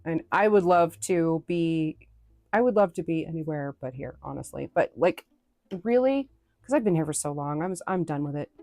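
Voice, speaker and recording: A woman's voice: sits low, animated, moderate pace, darkish tone, no room sound, clean studio sound. A woman from New England chatting casually with viewers on a live stream, rambling with lots of fillers and restarts.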